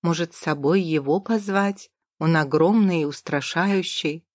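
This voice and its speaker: Female audiobook narrator, first person, dramatic delivery, low register, dry. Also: measured pace, no echo. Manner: dramatic, vivid storytelling.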